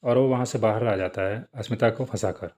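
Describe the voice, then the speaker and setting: A man reading a serialized story aloud in plain, steady narration with small asides. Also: on the low side, fairly quick.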